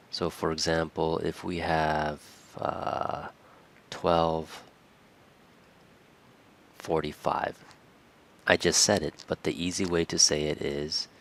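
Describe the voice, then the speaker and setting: Deep voiced guy teaching english real slow, patient, says the examples over. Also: creaky, slight background noise. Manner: acts out short example dialogues. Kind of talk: explaining lesson to camera.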